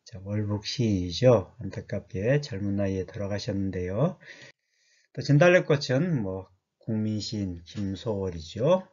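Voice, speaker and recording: A man's voice: fairly low pitch, animated, a little slow, a little mellow, husky, muffled recording. A man giving a chatty lecture that explains dialect words, often asking his listeners questions.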